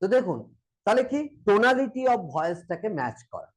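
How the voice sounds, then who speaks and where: A man's voice: high voice, sing-song, moderate pace, poor audio. A man with a Bengali accent teaching a coaching lesson, acting out short example conversations as he explains. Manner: explains with acted example dialogues. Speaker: mental wellness coach.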